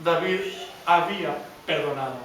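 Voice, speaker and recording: A man's voice: on the high side, normal speed, a bit bright, recorded from a distance, slight background noise. A male pastor preaching a sermon, retelling a story with emphasis and often repeating or restarting words. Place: church hall. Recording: echoey hall, preacher away from mic.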